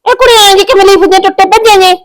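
An actress playing a bossy, fussy middle-aged aunt who scolds and makes picky demands, with a Punjabi accent. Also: female voice, very high-pitched, steady tone, racing. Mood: scolding. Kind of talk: village short film acting.

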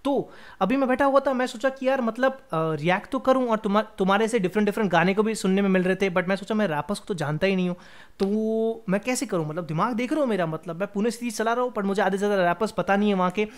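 A man's voice: high voice, quick pace. A young man hosting a music reaction video, chatting casually and energetically while mixing in English phrases.

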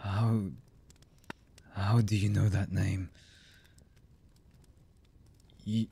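This ASMR roleplay features a voice actor as an embittered, cold-hearted villain, his low, husky voice mellow but exaggerated and menacing. Halting and often murmured, his delivery conveys stunned disbelief.

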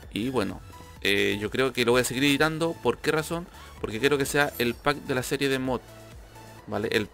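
A man's voice: medium pitch, a bit bright. Chatty young gamer man. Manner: talkative, repeats himself, frustrated rambling. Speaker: gamer youtuber. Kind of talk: casual gameplay commentary. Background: faint background music.

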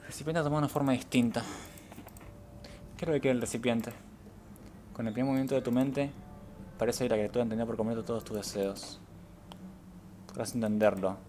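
A man's voice: mid-range voice, steady tone, a little fast, long pauses, a little mellow, slight background noise. A young man, streaming a game, reading the game's text aloud and reacting with casual, sarcastic, swearing asides.

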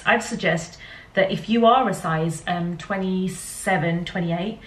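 A woman's voice: on the low side, a little slow, fairly bright tone. A young woman with a Yorkshire accent chatting casually through a clothing try-on haul, with light laughs and small restarts. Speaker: fashion vlogger. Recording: roomy, slightly distant home recording.

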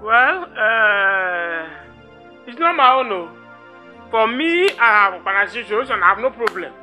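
An actor playing an older uncle with a Nigerian accent who speaks in an accusing, suspicious way in a film drama. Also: male voice, high voice, big pitch swings, a little slow, pushed and bright, soft background music, exaggerated voice. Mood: aggrieved. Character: stern older uncle steeped in tradition.

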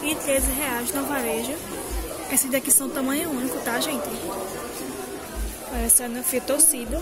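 A woman's voice: high-pitched, fairly even intonation, moderate pace. A woman chatting through a shopping vlog at a market stall, recorded on a handheld phone and constantly checking in with viewers. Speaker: vlogger showing wholesale suppliers. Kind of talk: casual shopping vlog walkthrough. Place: indoor clothing market stall. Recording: loud market crowd and music.

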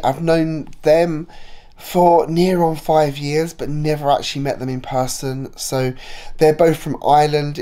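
A man's voice: fairly high pitch, dark tone, clean tone. Chatty man with a slight cold. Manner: chatty, rambling with many fillers. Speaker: travel vlogger. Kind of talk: casual vlog narration.

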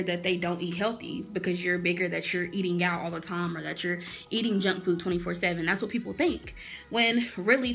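A woman's voice: medium pitch, bright, forceful tone. A woman in her early twenties, talking straight to camera in a blunt, fired-up, swearing casual rant from a small room. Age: early 20s. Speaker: vlogger.

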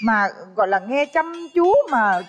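A woman's voice: on the high side, expressive, measured pace, long reverb tail. A woman co-hosting a dating show, chatting casually and teasing the contestants with effusive praise. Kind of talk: casual chat.

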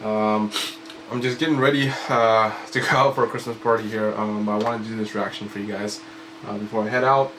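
A young man in his twenties hosts a reaction video, casually responding to a trailer from a small home room with a computer desk. His voice is on the low side and fairly quick, and he sounds slightly sick, rambling excitably with lots of fillers. Background noise is audible.

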